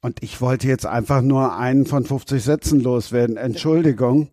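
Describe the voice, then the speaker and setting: A male host in a casual interview, giving relaxed, enthusiastic prompts. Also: mid-range voice, moderate pace.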